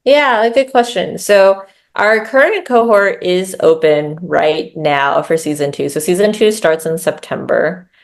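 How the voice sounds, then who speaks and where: Low, gravelly-voiced woman chatting casually. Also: unhurried, hardly any pauses. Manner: chatty, filler-heavy, frequent tag questions. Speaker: growth lead, interview guest. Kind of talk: casual interview talk.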